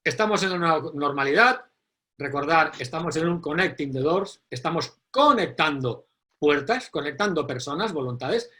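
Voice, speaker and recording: A middle-aged man, hosting an online forum and introducing the next speaker in an animated, emphatic way. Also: a little high, moderate pace. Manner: animated, emphatic, repeats key phrases. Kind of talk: live online event introduction.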